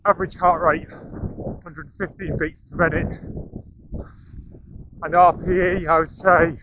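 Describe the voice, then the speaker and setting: A middle-aged man narrates his training run while running, out of breath. His voice is bright and forceful, fairly high, and comes in short phrases. It is captured outdoors on a camera. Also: little pitch movement, a little slow. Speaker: amateur runner filming a training run. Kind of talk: running vlog commentary. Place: outdoors on coastal paths and residential streets. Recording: muffled outdoor camera audio with noise.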